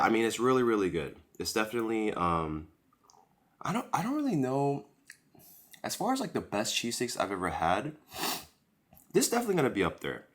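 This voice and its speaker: Recorded at home through a camera-mounted shotgun mic, this food vlogger has a lowish, slightly bright voice. He's getting over a cold and chats in a rambling, leisurely way while tasting and reviewing a sandwich.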